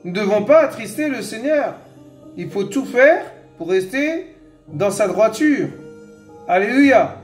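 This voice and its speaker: A man preaching an informal Bible teaching, exhorting his listeners, repeating phrases and filling pauses. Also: high-pitched, lively intonation, roomy sound, faint music behind.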